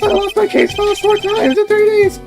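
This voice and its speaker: A meek, nervous young bailiff, as a streamer puts him on, squeaking every line far above his usual pitch and straining for air. His voice swoops in a lively way, and video game music plays behind him. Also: a little fast, heavily acted. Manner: high, strained, breathy meek voice. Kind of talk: voicing game dialogue on a livestream.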